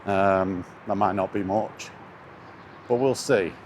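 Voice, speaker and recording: A gaming YouTuber with a deep, steady voice talks slowly in a casual, rambling vlog, hesitant and laid-back. He's filming on a handheld camera while walking outdoors near traffic, so the recording is noisy with urban and vehicle sounds.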